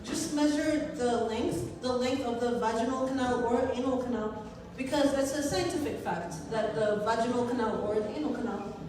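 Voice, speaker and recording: A woman from Kenya performs stand-up, her high voice landing dark one-liners slowly and flatly. The sound is distant and boomy, as if caught from the back of a hall. A loud crowd and heavy room noise sit underneath. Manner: deadpan dark one-liners, slow deliberate delivery. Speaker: stand-up comedian. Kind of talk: stand-up set. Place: comedy venue with live audience.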